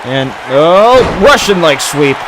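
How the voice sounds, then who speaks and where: A man working as a wrestling commentator, giving excited, exclamatory play-by-play in halting bursts with mild slangy expletives. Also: a little high, a crowd in the background, noisy background.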